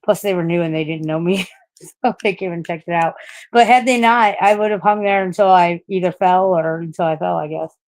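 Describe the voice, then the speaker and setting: Woman, lowish voice, casual live-stream chat, rambling, laughing, swearing, dry close sound. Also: a little fast, a little mellow, no echo, low-quality recording.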